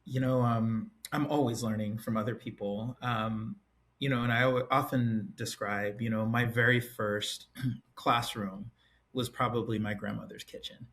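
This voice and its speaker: A middle-aged man from Liberia, an educator and author, speaking as a podcast guest in a thoughtful, measured way with frequent ums. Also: medium pitch, fairly even intonation, fairly bright tone. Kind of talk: reflective interview talk.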